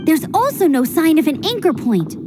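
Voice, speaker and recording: A woman's voice: high voice, big pitch swings, normal speed. A woman voicing a brave, spirited young female knight scout in a game, talking boldly and with determination. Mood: determined. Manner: bold and determined. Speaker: game character. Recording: game audio with loud music behind.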